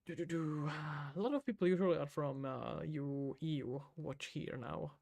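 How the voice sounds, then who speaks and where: Streaming live as an indie game developer, this man from the Czech Republic speaks with a Czech accent, muttering casually as he codes and answering chat with offhand remarks. His fairly high voice is creaky and a little mellow, moving at a moderate pace.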